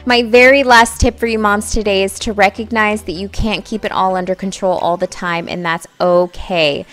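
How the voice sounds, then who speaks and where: A woman's voice: mid-range voice, steady tone, moderate pace, a bit bright, faint music behind. A young woman narrating her home cleaning vlog as a voice-over, talking to viewers in a friendly, direct way. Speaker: vlogger.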